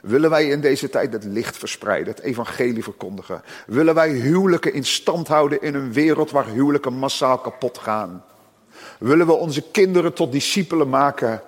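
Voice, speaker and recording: A man preaching a sermon in a church, impassioned, rising loud and high on his points. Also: slightly rough. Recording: long reverb of a church hall.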